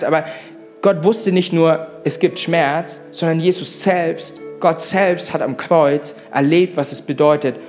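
A young man preaching a sermon in a church service, in a casual, direct way with frequent "hey" asides. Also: a little high. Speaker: pastor.

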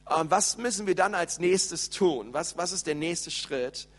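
A man preaching a lively sermon and speaking directly to his congregation. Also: a little high, a little slow, long reverb tail. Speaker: pastor.

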